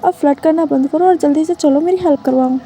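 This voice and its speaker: Storybook mother, fretful and affectionate, read by a woman; high, mellow voice. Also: quick pace, a little hiss or hum. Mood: fond. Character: caring, anxious young mother.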